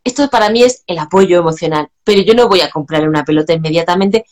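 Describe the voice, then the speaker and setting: A woman's voice: lowish voice, fast, a little mellow. Woman telling stories from home life. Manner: anecdotal, quotes her own words. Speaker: professional speaking as a mother. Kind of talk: casual conversation.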